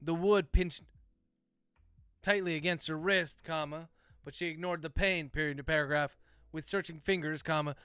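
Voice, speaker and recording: A man reading story text aloud as dictation, speaking each comma and paragraph break in a steady cadence. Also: a little high, clean tone, no room sound, clean studio sound. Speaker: narrator dictating a novel.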